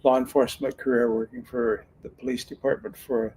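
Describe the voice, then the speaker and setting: Here an older retired lawman from Northern California, now a card reader, tells stories casually in an earnest, folksy way with frequent restarts. His mid-range voice is level, mellow, and a little fast with a breathy edge, captured in a low-quality recording.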